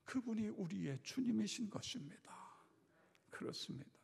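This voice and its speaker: Fervent male pastor with a gravelly high voice. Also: lively intonation, moderate pace. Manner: swings from loud fervent preaching to hushed, whispered asides. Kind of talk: sermon. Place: church sanctuary. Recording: long church-hall reverb.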